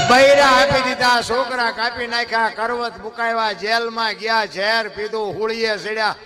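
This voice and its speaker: A man giving a devotional sermon, telling a saint's story in a folksy way and voicing its characters. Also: high-pitched. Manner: folksy, addresses listeners as bapu, voices characters in stories. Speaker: spiritual storyteller. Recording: music playing behind.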